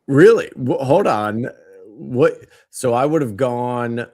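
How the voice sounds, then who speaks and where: Man, thirties, from indiana, casual live-stream co-host, rambling, self-deprecating, laughs often, video call, mid pitch. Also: expressive, slow, mellow. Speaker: co-host of live whiskey tasting.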